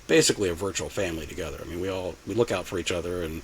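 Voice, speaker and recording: An older man talking casually as a guest, his voice very low and his words tumbling out quickly. He rambles and restarts often, with a faint background hum under the home mic. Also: low-quality recording. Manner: rambling, full of fillers and restarts. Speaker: podcast guest. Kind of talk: casual chat. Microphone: home mic set low.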